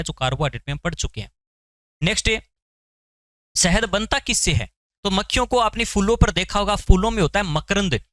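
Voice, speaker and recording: A man's voice: fairly high pitch, a bit bright, no echo. A male science teacher giving an exam-prep lecture, asking questions and answering them himself, repeating key terms to memorize.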